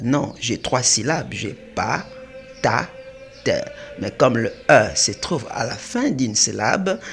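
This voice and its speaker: A man teaching French spelling, reading words slowly and spelling out syllables, with faint music behind him. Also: mid-range voice. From Congo (DRC). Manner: spells out syllables, slow and emphatic. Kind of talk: slow, deliberate French reading lesson.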